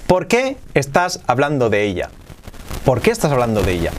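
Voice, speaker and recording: Lively Spanish-speaking male English teacher. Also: medium pitch, slight background noise. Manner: lively, drills phrases slowly and repeats them. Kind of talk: casual video lesson.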